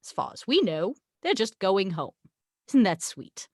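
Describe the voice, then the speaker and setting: This woman's mid-range voice swings widely in pitch and moves a little slowly, captured in a dry, clean studio recording. Reading at a script table read, she plays a haughty, sarcastic angel fond of tequila who acts as God's voice. Her delivery is condescending, wry and exasperated, and the mood stays grave and insistent.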